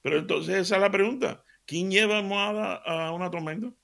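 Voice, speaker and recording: A middle-aged radio preacher delivers a devotional sermon in a gravelly, fairly quick voice that sits high. He tells stories animatedly, laughing and acting out the dialogue.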